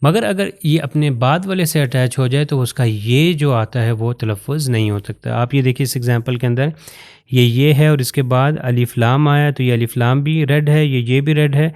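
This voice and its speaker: A man from Pakistan, teaching Quran recitation patiently and step by step, pointing to written examples and slowing down to recite phrases carefully. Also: mid-range voice, darkish tone. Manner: slows down to recite Arabic phrases with care. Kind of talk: recorded lesson explaining to learners.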